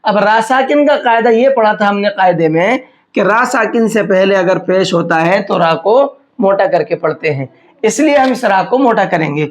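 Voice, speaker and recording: A man teaching a tajweed lesson, patiently asking himself questions and then answering them, and slowing down to draw out words as he demonstrates. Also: high voice, lively intonation. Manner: slows down to demonstrate words drawn out. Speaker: Quran teacher. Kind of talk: tajweed lesson explaining pronunciation.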